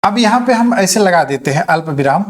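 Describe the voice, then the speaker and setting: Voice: medium pitch, animated, fairly quick. A teacher giving an exam-prep grammar lecture, explaining step by step and often checking in with listeners. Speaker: Hindi teacher.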